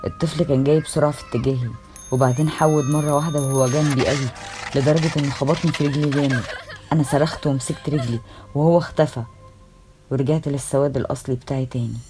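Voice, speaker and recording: A woman's voice: very deep voice, fairly even intonation, very fast. A woman with an Egyptian accent narrating a horror story in the first person, intense and emotional. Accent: Egyptian Arabic. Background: faint music.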